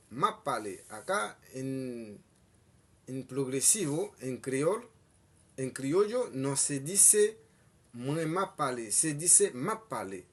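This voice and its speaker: A man teaching a language lesson, saying each phrase twice, slowly and deliberately. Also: medium pitch, breathy edge. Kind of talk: slow bilingual language lesson.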